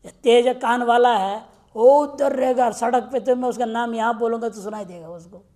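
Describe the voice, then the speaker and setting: A woman with a somewhat high voice gives a grammar lecture. She poses questions to her class and slows right down to chant the Sanskrit rules word by word. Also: dark tone.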